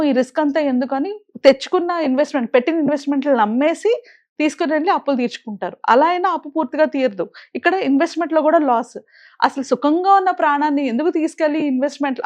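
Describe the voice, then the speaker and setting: A woman's voice: high voice, dull audio. A woman financial advisor earnestly explaining investing mistakes and putting pointed questions to the viewer.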